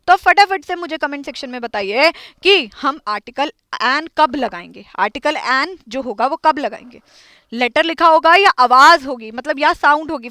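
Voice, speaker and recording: A woman's voice: high-pitched, pushed and bright, no room sound. A woman teaching an English grammar lesson, quizzing her students and repeating each point. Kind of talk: classroom lesson.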